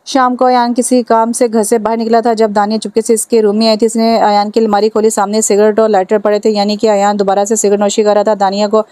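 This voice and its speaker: Smooth, flat-voiced woman reading a novel. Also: medium pitch, fast talker, hardly any pauses, no echo. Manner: steady, even reading. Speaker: novel narrator. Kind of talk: reading a romance novel aloud.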